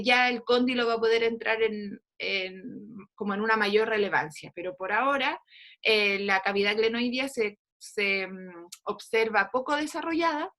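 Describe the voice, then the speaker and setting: A woman's voice: fairly high pitch, sharp tone. A woman teaching an online dentistry class, coaxing students to answer questions with frequent fillers over a video call. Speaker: dentistry lecturer.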